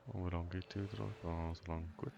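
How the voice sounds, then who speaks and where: A man commenting on his racing manager game in a flat, monotone, emotionless way. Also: low-pitched, brisk, creaky, dull audio, noisy background. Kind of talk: let's play commentary.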